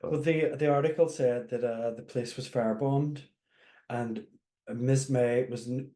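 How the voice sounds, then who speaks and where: A man's voice: mid-range voice, fairly even intonation, measured pace, dark tone. A man interviewing someone in a casual, conversational way. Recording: echoey room.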